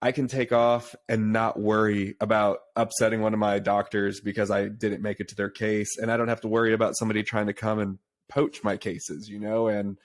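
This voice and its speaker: A young man hosting a casual podcast over a remote call, talking in a relaxed, chatty way. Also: lowish voice, a little fast, few pauses. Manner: relaxed, chatty, says "dude" and "uh" often. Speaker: podcast host, pharma sales rep.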